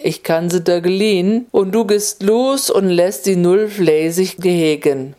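A woman's voice: lowish voice, a little slow, warm tone, natural voice. A woman voicing a kind-hearted old woman who lives alone in the woods, speaking homely, sighing Upper Hessian dialect.

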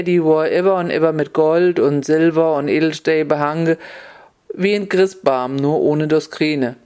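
Here the storyteller's voice is fairly high, a touch mellow, and clean. He reads the fairy tale in a homespun way, mixing regional dialect words into his telling.

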